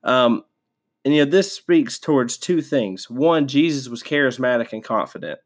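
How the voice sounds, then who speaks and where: This man, hosting a devotional podcast, has a medium pitch and normal speed. A sinus infection leaves him stuffed up, and he chats informally with many fillers and restarts.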